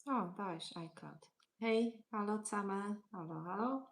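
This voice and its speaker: A middle-aged language teacher with a Swiss German accent and a medium-pitched voice runs a live-stream lesson, slowly repeating questions for viewers and switching into English.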